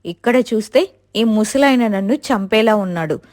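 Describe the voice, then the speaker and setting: A woman's voice: mid-range voice, lively intonation, normal speed, darkish tone, close to an everyday voice. A woman voicing a pampered young wife who pleads in a tearful, frightened tone. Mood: pleading.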